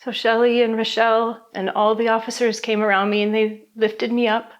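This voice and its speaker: A middle-aged woman giving documentary interview testimony as a bereaved mother, speaking softly and reflectively with halting pauses. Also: a little high, little pitch movement. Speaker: bereaved mother telling her story.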